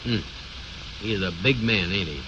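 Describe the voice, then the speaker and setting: A man's voice: on the low side, unhurried, natural voice. An actor playing a bossy, self-important man who blusters in folksy ungrammatical speech, in old radio comedy style. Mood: self-assured. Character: pompous, bossy, know-it-all man bluffing his friend. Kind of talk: 1930s-40s radio comedy acting. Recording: muffled, noisy old radio recording.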